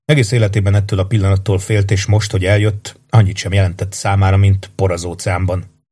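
A man reads a fantasy novel aloud in a steady, measured way. His voice sits low and carries a husky, slightly breathy grain throughout the narration. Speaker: audiobook narrator. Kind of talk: scripted fantasy audiobook narration.

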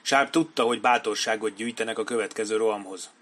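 A male audiobook narrator reading a war story. His delivery is measured and dramatic, lifting for battle scenes and dropping low for grim moments. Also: steady tone, a bit bright. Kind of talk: scripted narration.

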